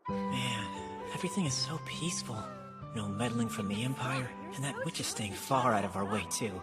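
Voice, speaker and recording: A low, grumbling teenage boy. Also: normal speed, loud music behind the voice. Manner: sarcastic, grumbling, deadpan asides. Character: lazy teenage boy wizard, wants to stay in. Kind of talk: anime English dub.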